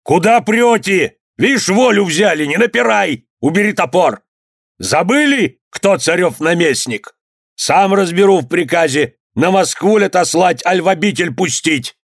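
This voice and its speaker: Man playing a stern governor, barking orders, raised pitch. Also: expressive, measured pace, no room sound, studio quality, exaggerated voice. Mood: commanding. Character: commanding male military governor.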